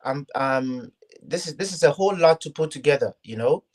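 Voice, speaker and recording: This time his voice is on the high side, with lively intonation. The young man from Ghana speaks earnestly as an interview guest in a casual setting, halting and frequently starting over.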